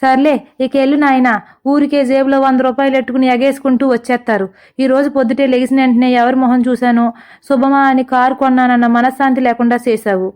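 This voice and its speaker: A woman's voice: high-pitched, level tone, a little fast, darkish tone, clean tone, natural voice. A woman voicing a short-tempered rich woman who scolds sarcastically, in a comic storybook. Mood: scolding.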